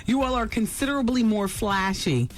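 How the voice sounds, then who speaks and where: A woman's voice: on the high side, expressive, moderate pace, background noise. A woman hosting a radio interview, asking teasing questions in a brassy way. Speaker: radio host.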